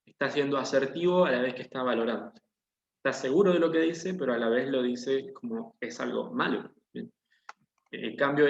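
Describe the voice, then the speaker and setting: A man teaches a class at an even pitch, walking his students through each example with patient questions. His voice sounds muffled and carries a roomy echo, with faint typing behind it. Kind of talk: online class lesson. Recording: dull, echoey room audio.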